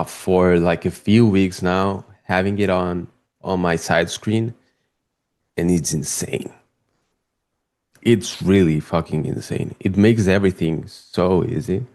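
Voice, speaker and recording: With a deep voice and a Spanish accent, a young Spaniard keeps up excited, easygoing chatter while he narrates live trades for people watching his stream.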